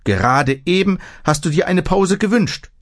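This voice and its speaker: A man's voice: high-pitched, animated, normal speed, no echo, clean studio sound, pitched above the performer's own voice. A man voicing a hardy, upbeat young woman pilgrim who encourages her sister. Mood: cheerful. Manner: cheerful, encouraging.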